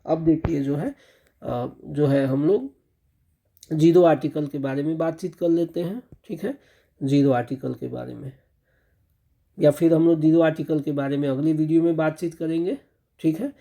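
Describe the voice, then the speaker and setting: A man explaining a grammar lesson in a very dark, mellow voice. He keeps checking that his students follow, repeating the same little check-in phrase. He slows right down to drill example words one at a time. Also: on the high side, fairly even intonation, creaky, poor audio. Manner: keeps checking understanding with repeated "theek hai" and "spasht ho gaya". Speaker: English teacher.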